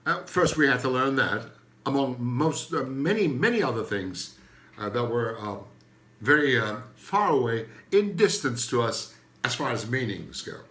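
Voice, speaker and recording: A man's voice: medium pitch, sing-song, moderate pace, a bit bright. Older Turkish-accented man joking in an echoey room. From Turkey. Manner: rambling, joking, loses his thread. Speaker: comedian host. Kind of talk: comedic monologue.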